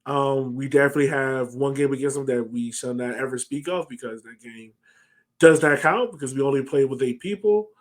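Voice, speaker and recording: An American podcast host with a mid-range voice talks casually about sports on a video call, speaking fairly quickly. He is in a room at home, using a headset.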